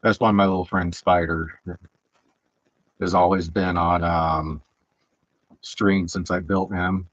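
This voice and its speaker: A man with a Southern accent chatting casually while streaming, rambling and halting with lots of fillers, on a headset mic. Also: low voice, steady tone, dry recording, muffled recording. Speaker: streamer building Lego. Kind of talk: casual live-stream chat.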